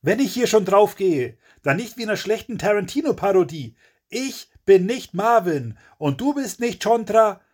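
A panicky, foul-mouthed young brewery worker, as a man reads him out, roaring in a high, strained pitch. His voice is husky and jumps around wildly, like a storybook character at the end of his rope. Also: very animated, fairly quick, heavily acted. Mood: raging. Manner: shouting, swearing in outrage.

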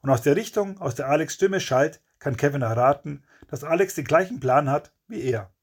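A man reads a crime story aloud with dramatic, punchy delivery. His voice sits a touch high and is husky, swinging widely in pitch to push the tension. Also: lively intonation, moderate pace. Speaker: narrator. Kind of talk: scripted audiobook narration.

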